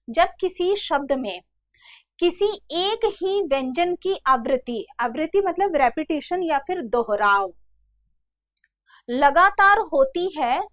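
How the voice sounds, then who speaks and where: A woman with a high voice teaches a grammar class over slides. She explains patiently and repeats each example slowly, calling her students "beta". The recording is dry and close, with no room sound. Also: a bit bright, dry recording.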